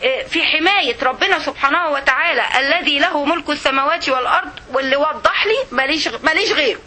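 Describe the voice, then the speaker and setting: A woman with an Egyptian Arabic accent giving an earnest religious talk, slowing down to recite verses. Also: high-pitched, sharp tone. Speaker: religious speaker.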